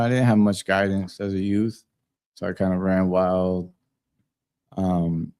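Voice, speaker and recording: Laid-back low-voiced man guest. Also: mellow. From South America, raised in Puerto Rico. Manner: laid-back, many fillers. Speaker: guest, business owner. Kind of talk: casual interview.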